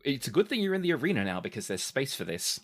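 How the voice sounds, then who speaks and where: A man's voice: mid-range voice, big pitch swings, fast talker, fairly bright tone. A man narrating a tabletop game as game master, in descriptive storytelling language.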